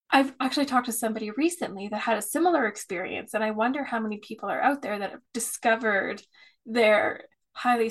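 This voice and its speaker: Gravelly upbeat woman podcast host. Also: fairly high pitch. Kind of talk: podcast interview.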